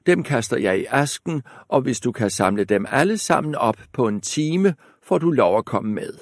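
A man's voice: medium pitch, expressive, no echo, clean studio sound, pitched above the performer's own voice. A man doing a stern, scolding stepmother. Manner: scolding, curt. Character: stern dismissive stepmother, older woman.

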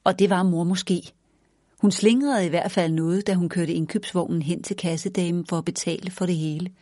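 A woman reads a children's story aloud in a gentle, even way. Her voice sits low with a husky, breathy edge. The recording is close and dry, with no room sound. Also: no room sound.

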